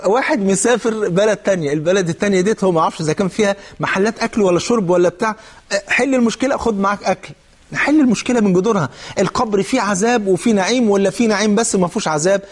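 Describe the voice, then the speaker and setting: A man's voice: high voice, very fast. A man preaching a colloquial religious sermon in an Egyptian Arabic accent, fervent and asking his listeners rhetorical questions.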